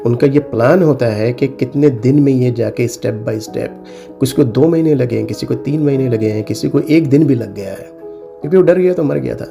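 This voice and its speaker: This advice video host, a middle-aged Pakistani cyber security consultant, speaks to his audience informally over background music. His mid-range voice is creaky and moderately paced. He keeps hammering home his warnings and weaves English phrases into his speech.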